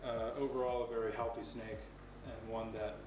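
A young man in his twenties casually showing and explaining snakes in an indoor reptile room, relaxed and knowledgeable, with many fillers. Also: mid-range voice, moderate pace, recorded from a distance. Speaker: facility owner giving a tour. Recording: echoey room, off-mic, music behind.

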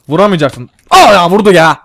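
Excitable young man, dry close sound. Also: high-pitched, no echo. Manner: excitable, swears and laughs often. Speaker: gaming channel host. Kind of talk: casual gameplay commentary.

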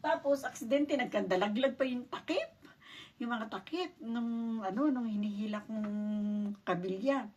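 Middle-aged woman from the Philippines, polite storyteller, slightly high voice, distant mic, faint background noise. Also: normal speed, darkish tone, husky. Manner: polite, retells events with quoted dialogue. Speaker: vlogger. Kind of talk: personal storytelling vlog.

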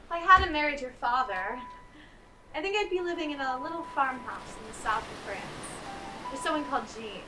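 A young woman acting a gentle, coaxing mother on stage. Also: high-pitched, animated, normal speed. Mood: dreamy. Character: warm coaxing young mother, playful and dreamy. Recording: distant stage mic with music behind.

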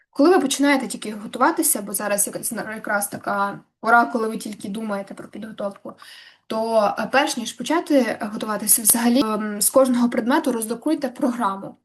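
A young woman tutor giving a chatty, casual lesson to camera, full of filler words and restarts. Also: a little high.

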